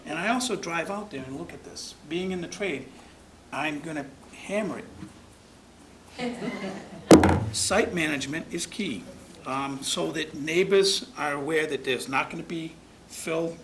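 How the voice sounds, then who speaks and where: At a measured pace and fairly high pitch, a man presiding over a town commission meeting offers public remarks. He's folksy and plainspoken, prone to rambling, and the public-access recording carries a lot of noise.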